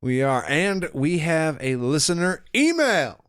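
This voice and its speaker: A man's voice: on the high side, a little slow, very noisy. A young man co-hosting a podcast, chatting casually, laughing often and reading out a listener email. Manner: laughing, animated storyteller. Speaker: podcast co-host.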